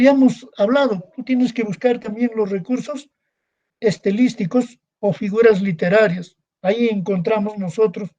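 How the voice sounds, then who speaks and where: A man's voice: high-pitched, dark tone, rough recording. A male secondary school teacher giving a recorded class, repeating points and asking rhetorical questions that he answers himself. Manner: repetitive, asks rhetorical questions and answers them. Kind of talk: recorded online class lecture.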